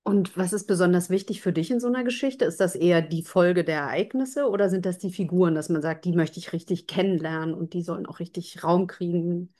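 A woman's voice: fairly low pitch, a little fast, hardly any pauses, dark tone. Woman hosting a live interview. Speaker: host.

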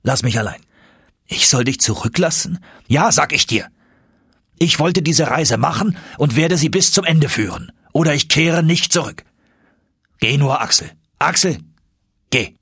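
A man's voice: fairly low pitch, animated, moderate pace, fairly bright tone, husky, no room sound, clean studio sound, exaggerated voice. Man voicing a stern old professor. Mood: stubborn. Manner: stubborn, commanding, tender at times. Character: stern old male professor, obsessive explorer. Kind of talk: audiobook reading.

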